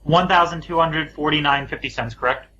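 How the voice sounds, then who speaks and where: A man banters through a tabletop session in a bright, edgy, somewhat high voice. The recording is dull and muffled, with a faint hiss behind it. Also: a little fast. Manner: joking, bantering. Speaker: player. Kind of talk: casual tabletop play.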